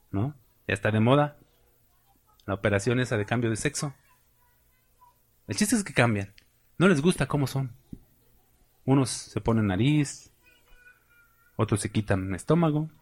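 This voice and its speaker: A man with a Mexican accent preaching a sermon, emphatic and conversational, asking his congregation questions and slipping in folksy jokes. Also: medium pitch. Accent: Mexican Spanish. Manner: folksy and joking, with colloquial asides.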